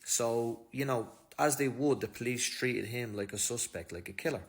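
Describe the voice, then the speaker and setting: A man's voice: medium pitch, normal speed. A man with an Irish accent retelling a crime story in a loose, slangy way, as a commentator. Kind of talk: casual storytelling over footage.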